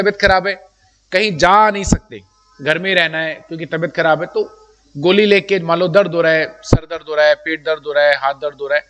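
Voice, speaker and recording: High-voiced male teacher in an echoey classroom. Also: fairly bright tone. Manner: chatty, talks directly to students, mixes in English terms. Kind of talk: live classroom lecture. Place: classroom with students. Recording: long room reverb.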